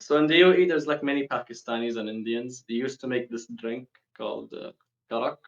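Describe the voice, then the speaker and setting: A man's voice: mid-range voice, fairly even intonation. Young man talking casually on a lo-fi call. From born and raised in the UAE, Palestinian. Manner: casual, slangy, quick bursts. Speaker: guest speaking from Gaza. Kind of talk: casual video call interview.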